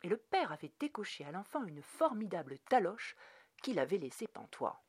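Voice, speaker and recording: A woman narrating a dark story in a measured read, often dropping to near whispers. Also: fairly low pitch, very animated, breathy edge, no echo. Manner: measured, dropping to hushed tones. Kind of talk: scripted narration.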